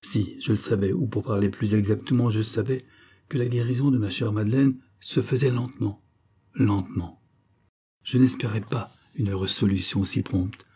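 A man's voice: on the low side, normal speed, warm tone, husky. A man voicing a scheming villainous count who feigns emotion in theatrical exclamations, read in an audiobook.

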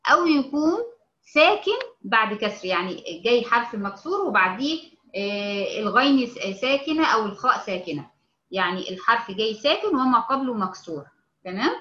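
A woman with an Egyptian accent teaching a tajweed lesson at a careful pace. She keeps asking whether her students follow and stretches out each example word as she recites it. Her voice is bright, and the recording sounds roomy and a little dull. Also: on the high side, animated. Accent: Egyptian Arabic. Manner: explains slowly, checks understanding often with rhetorical questions; stretches out example words when reciting them.

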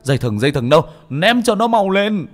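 A man voicing a commanding older village man in an audio story, shouting urgent orders in a strained, raised voice. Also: high-pitched, big pitch swings, a little fast, soft background music, pitched above the performer's own voice.

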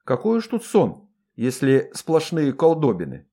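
A man's voice: medium pitch, wildly swooping pitch, unhurried, warm tone. A man voicing a servile peasant dwarf woman who wails and pleads with her mistress. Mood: wailing. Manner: wailing, pleading, fawning.

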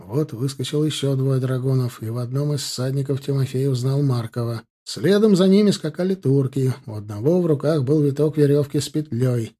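Male audiobook narrator, mellow and husky, steady delivery. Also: mid-range voice, brisk, hardly any pauses. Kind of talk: scripted narration.

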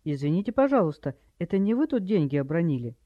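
A man's voice: on the high side, big pitch swings, fast, dry recording. A man reading an audiobook, voicing a polite, clever teenage boy sleuth, in a dry, slightly dull recording. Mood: calm.

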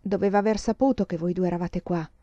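A man's voice: high-pitched, fairly even intonation, fast, mellow, no echo, close to an everyday voice. A woman voicing a grieving, hot-tempered old male soldier who bursts out in anger, on a dull lo-fi recording. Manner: outbursts of grief and anger.

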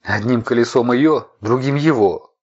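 A man's voice: mid-range voice, big pitch swings, normal speed, slightly rough, pitched above the performer's own voice. A man voicing a fierce, jealous young woman who leads desert raiders, hissing and snarling her lines in a storybook reading. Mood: furious. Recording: dull lo-fi recording.

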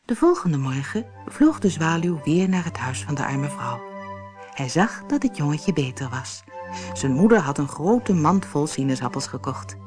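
Audiobook reader: woman, low voice, calm fairy-tale storytelling, soft music underneath. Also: normal speed. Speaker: narrator. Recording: faint music behind the voice.

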